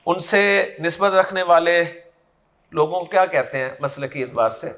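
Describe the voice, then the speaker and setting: A man's voice: fairly high pitch, moderate pace, a bit bright. A man teaching a grammar class, who repeats key terms and quizzes his students by name.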